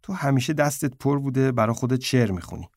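A man's voice: medium pitch, expressive, darkish tone, no echo, clean studio sound, natural voice. A man voicing a weary, sullen young man in a story he reads aloud. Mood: sulky.

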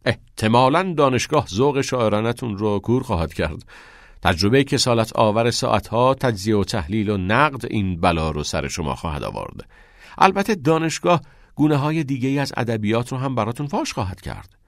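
A man's voice: medium pitch, dry recording, clean studio sound. A man voicing a witty, passionate teacher. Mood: earnest. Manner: expressive, teasing.

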